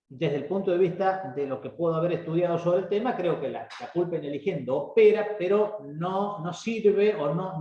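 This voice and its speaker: Man, Argentine accent, webinar moderator, measured and halting, dull video-call sound. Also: fairly high pitch, a little mellow. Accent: Argentine Spanish. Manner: measured, explanatory, hesitant restarts. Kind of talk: legal webinar discussion. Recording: echoey, muffled video-call audio.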